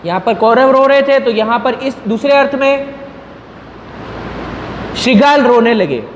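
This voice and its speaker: Brief: high-pitched male teacher, unhurried, chants verses and repeats each point, echoey room. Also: lively intonation. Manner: chants Sanskrit verses slowly, repeats each explanation twice. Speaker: Sanskrit teacher. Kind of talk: slow explanatory lesson, reciting verses then explaining. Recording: echoey room with long reverb, faint noise.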